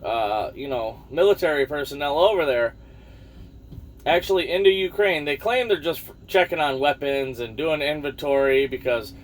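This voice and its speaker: A man's voice: a little high, moderate pace. A man rambling casually about the news to his viewers, losing his thread now and then and swearing offhand. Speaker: vlogger.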